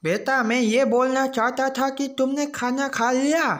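A squeaky, high-pitched old grandpa, as a young man puts him on in a homemade comedy sketch. He is soft-hearted and a little slow, fussing and pestering sweetly about whether everyone has eaten. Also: level tone. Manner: gentle, calls everyone "beta", keeps nagging about food.

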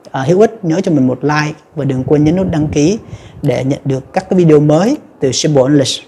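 A woman's voice: deep voice, gravelly, warm tone, a little hiss or hum. A woman teaching an English lesson in a chatty, casual way with a Vietnamese accent, talking straight to her viewers. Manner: chatty, many fillers, addresses viewers directly.

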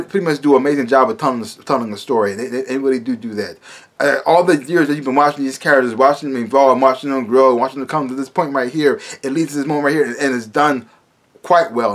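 An American man in his thirties reviews a movie to camera from a small room at home, talking fast at a medium pitch. He's casual and emphatic, often repeating his words.

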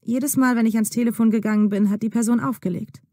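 A woman voicing a suspicious wife who presses her husband with questions, in a clearly paced audio story. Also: fairly high pitch, fairly even intonation, fast talker, dark tone, no echo, studio quality, voice pushed up, lightly acted. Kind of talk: acted dialogue in a learner audio drama.

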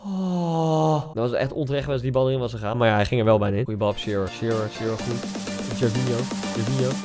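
A young man commenting on his own football video game match, excitable and given to loud outbursts. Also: medium pitch, fast talker, soft background music. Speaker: gaming YouTuber. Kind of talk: live gameplay commentary.

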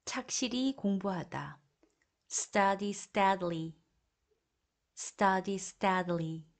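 A woman reading an English vocabulary drill as a teacher, saying each phrase twice in a slow, deliberate way. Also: mid-range voice, creaky.

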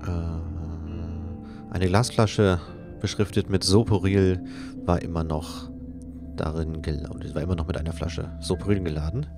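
A man doing a let's play, reading a story aloud as he translates it, haltingly and correcting himself. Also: low-pitched, fairly even intonation. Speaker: let's player reading and translating a visual novel. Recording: game music faintly behind. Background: faint game soundtrack.

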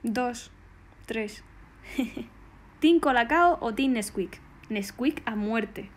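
A woman's voice: on the high side, drawn-out words. A woman, bubbly and affectionate, casually answering fan questions on a phone live stream. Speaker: singer doing a live stream.

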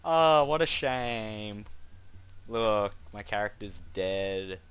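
Man, casual gameplay commentary, unhurried, giggly, rambling, sudden loud exclamations. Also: lowish voice, animated, slight background noise.

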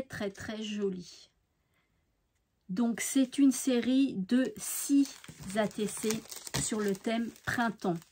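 A woman opening and showing craft mail, talking slowly and lingering over every detail. She is effusive and admiring, and now and then her voice sinks to a soft near-whisper. Her pitch sits in an ordinary middle range. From France. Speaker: craft channel host. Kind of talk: casual mail-opening show-and-tell.

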